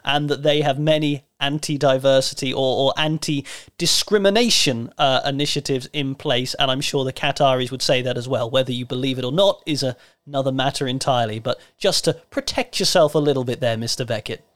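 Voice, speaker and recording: A man's voice: medium pitch, fairly quick, a bit bright. A man in his thirties with a Cornish accent, co-hosting a podcast in casual chat with a playful, mock-formal teasing manner. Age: 30s. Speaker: podcast co-host.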